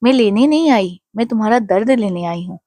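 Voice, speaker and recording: A woman as a gentle divine girl. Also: medium pitch, expressive, brisk, no room sound, natural voice. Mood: tender. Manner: soft and tender. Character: gentle divine young girl, tender and calm.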